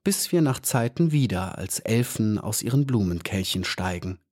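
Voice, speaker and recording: A man reading an audiobook and voicing a wise male flower elf who speaks calmly and earnestly. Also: fairly low pitch, moderate pace. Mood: serene. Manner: calm and earnest.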